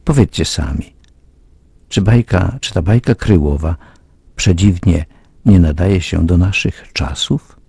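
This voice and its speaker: A man reads a moral fable aloud in an earnest, measured way. His voice is dark and husky, and it has a rough edge. The recording is close and dry. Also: deep voice, no room sound. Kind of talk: slow, earnest moral storytelling.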